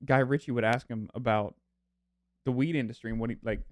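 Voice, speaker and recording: A man's voice: medium pitch, steady tone, a little fast, no room sound. Rambling man on a podcast. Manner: rambling retelling with many fillers. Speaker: podcast co-host. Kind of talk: casual chat.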